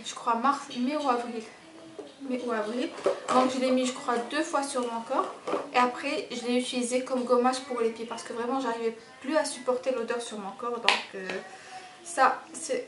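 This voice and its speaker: A young woman chats through a beauty product review in a fairly high voice, pausing often on fillers and starting sentences over. She sits back from the mic in an echoey room at home. Steady noise hangs under the recording. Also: recorded from a distance. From Belgium. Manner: chatty, hesitant with frequent fillers and restarts. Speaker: beauty vlogger. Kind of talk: casual product review vlog.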